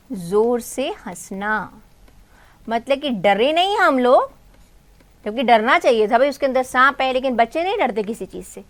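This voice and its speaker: A woman teacher who retells a textbook story for students, asking questions and answering them herself. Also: on the high side. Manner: calls students "beta" and "bhai". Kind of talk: explaining a textbook story in Hindi.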